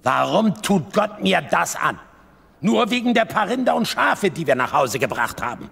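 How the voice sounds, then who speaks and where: A man's voice: high voice, sing-song, normal speed, creaky, a bit bright, long reverb tail, heavily acted. An actor playing an aggrieved, grumpy, embittered king in a radio play, grumbling and commanding. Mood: weary, dreading.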